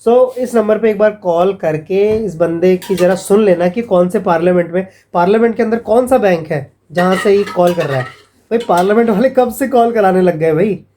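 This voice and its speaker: A man talks casually to his viewers, calling them friends. His voice is mellow and dark in tone, with a faint hiss of noise behind it. He tells his stories in a mocking way. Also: sits high, normal speed. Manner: chatty, addresses viewers as friends; mocking, storytelling retelling of scam calls. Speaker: vlogger. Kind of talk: casual vlog warning viewers.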